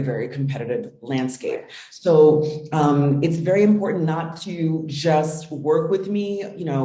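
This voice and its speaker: A woman's voice: low voice, dark tone, roomy sound. A woman business coach answering interview questions earnestly, with frequent ums.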